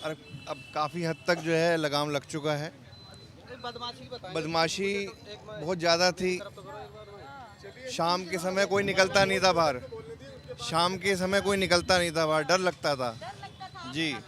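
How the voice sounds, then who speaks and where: A man speaks calmly and plainly in a street interview, saying things are safer now. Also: on the high side, a little slow, long pauses, a crowd in the background. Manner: calm, matter-of-fact, defends the government. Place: outdoors on a busy street. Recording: street recording with background noise.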